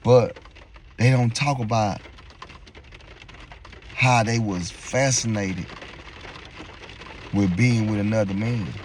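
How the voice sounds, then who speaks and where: A man from West tells prison stories in a lowish voice. He talks casually in profane street slang and keeps calling his listener "homie", with faint noise in the background. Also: slow, long pauses. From West Dallas, Texas. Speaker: former prisoner telling stories. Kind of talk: casual storytelling.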